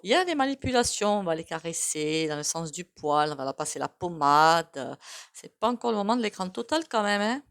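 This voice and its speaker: A woman's voice: on the low side, animated, a little fast, fairly bright tone. A woman with a regional French accent giving a casual, rambling tarot reading, full of hesitations and asides. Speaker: tarot card reader.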